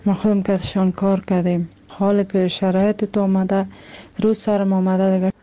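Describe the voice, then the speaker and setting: A woman's voice: mid-range voice, flat delivery, warm tone. A woman with an Afghan Dari accent in an interview clip, complaining and asking for help. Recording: muffled lo-fi sound.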